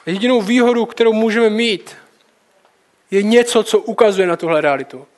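A high-pitched male preacher alternates between reading scripture aloud and offering relaxed, everyday commentary on it.

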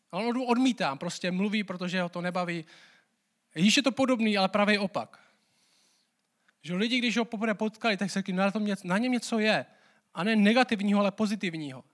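A young man from the Czech Republic giving a casual, conversational sermon as pastor, telling lively stories with asides. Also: high voice.

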